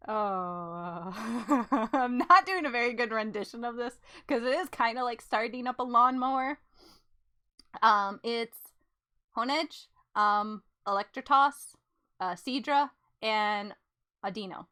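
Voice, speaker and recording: A woman's voice: on the high side, slow, bright, forceful tone. A young woman hosting a casual gaming chat, swearing, laughing and mimicking game sounds with her voice. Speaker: streamer host.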